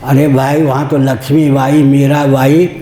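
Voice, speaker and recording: A man's voice: mid-range voice, flat delivery, a little slow, dark tone, reverberant. An older man, a spiritual teacher, giving a religious discourse, explaining with anecdotes and laughing at his own jokes.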